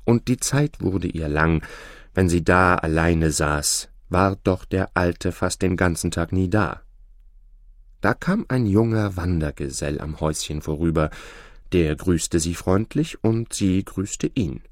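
A man reading a fairy tale aloud slowly and expressively. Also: sits low, dry recording, studio quality. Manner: slow, expressive, shifts voices for characters. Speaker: storyteller.

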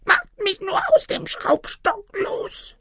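A squeaky, whispering tiny manikin. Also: male voice, wildly swooping pitch, slow pace, gravelly, fairly bright tone, no room sound, clean studio sound, exaggerated voice. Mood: pleading. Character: tiny spiteful male magic manikin.

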